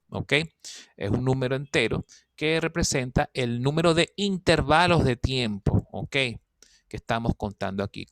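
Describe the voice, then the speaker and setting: A male teacher explains a worked statistics problem step by step in a patient, steady way, often pausing to ask whether students are following. His voice is gravelly. The recording is dry and close. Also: medium pitch, no room sound. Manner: patient, checks understanding with "¿ok?" and "fíjense".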